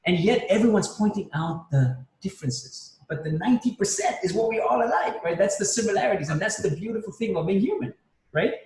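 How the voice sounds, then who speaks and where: A man's voice: high voice, expressive, fairly quick, darkish tone. A man in his fifties from Spain, a panel guest in a casual group video chat, talking reflectively with many restarts and tag questions like "right?". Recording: roomy, distant mic, faint background noise.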